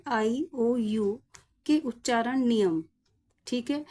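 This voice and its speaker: Slow, patient woman teaching spelling. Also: fairly high pitch, mellow. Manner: patient, spells words letter by letter. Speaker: English teacher. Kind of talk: slow explanatory lesson.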